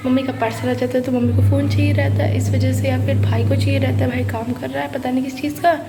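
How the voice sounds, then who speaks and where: A woman's voice: high voice, flat delivery, fast, loud music behind the voice. A young woman chatting casually in a home vlog, rambling and apologetic, with a sore throat. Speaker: vlogger. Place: family home, indoors.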